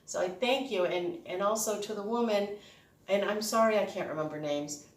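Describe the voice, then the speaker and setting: A woman's voice: medium pitch, normal speed. A woman with a Boston accent chats informally and ramblingly as she hosts a casual home cooking vlog. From Boston, United States. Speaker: home cook and video host. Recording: echoey room, distant microphone.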